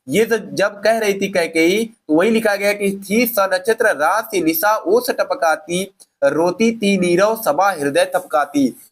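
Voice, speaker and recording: High-voiced man teaching an exam paper. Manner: explains step by step, asking and answering his own questions; fillers like "theek hai". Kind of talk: exam paper walkthrough lesson.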